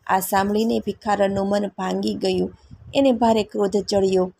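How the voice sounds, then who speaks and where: A woman's voice: medium pitch, fairly even intonation, moderate pace, vocal fry, dark tone. A woman storyteller narrating a devotional folk tale in a lilting, rhythmic telling.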